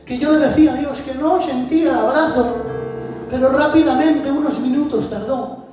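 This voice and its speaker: Fervent preacher in echoey church. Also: male voice, very high-pitched, fairly even intonation, moderate pace. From Spain. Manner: impassioned, rising to shouts, addresses the church directly. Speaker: visiting preacher. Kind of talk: fervent sermon. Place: church hall. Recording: very echoey church hall, far from the mic, music behind.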